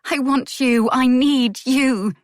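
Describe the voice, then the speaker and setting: A woman's voice: high voice, takes it slowly, dry recording, clean studio sound, voice pushed up. A woman voicing an earnest young noblewoman who speaks of love with a trembling voice. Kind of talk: audiobook character voice.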